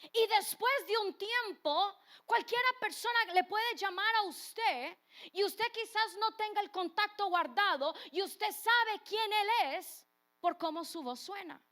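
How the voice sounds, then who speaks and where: A woman's voice: extremely high pitch, a little slow, pushed and bright. A woman preaching a sermon in an earnest way, putting direct questions to her listeners.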